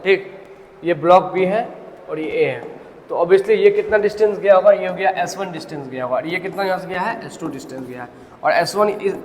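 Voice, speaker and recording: A man teaching a physics class, mixing in terms and asking his students questions as he works through a problem step by step. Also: high-pitched. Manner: explains step by step, often asks the class questions. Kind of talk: classroom lecture. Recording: reverberant classroom, faint background noise.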